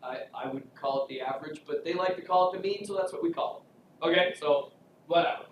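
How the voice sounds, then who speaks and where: Guy teaching stats, kinda high voice, jokey and chatty, echoey room picked up from far off. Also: fast, highs cut off, slight background noise. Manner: joking, chatty, asks class questions. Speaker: statistics instructor. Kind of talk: casual classroom lecture. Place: classroom. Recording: echoey classroom recorded from afar.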